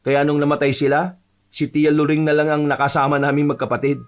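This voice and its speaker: A man's voice: fairly high pitch, level tone, fairly quick, highs cut off. A man narrating an audio horror story and voicing its earnest lead character.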